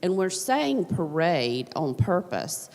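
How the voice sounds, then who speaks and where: A woman's voice: fairly low pitch, big pitch swings, slow pace, a little mellow, in a large hall. A woman with a Southern American accent giving a workshop presentation, chatty with frequent fillers. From Southern United States.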